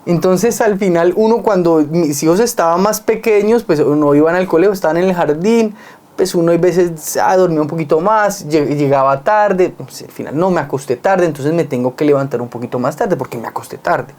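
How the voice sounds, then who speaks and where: With a fairly high voice and a fairly quick delivery, the Colombian man stays earnest and warm in this easygoing, thoughtful exchange. Simple examples from daily life help him work through what he means.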